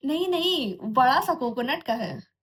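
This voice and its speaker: A young woman vlogger casually recounts a horror story from her own life, chatting away, restarting often, mixing in English words, and imitating eerie sounds like jingling anklets and giggles. Her voice is high and sing-song, unhurried, a bit bright and slightly rough.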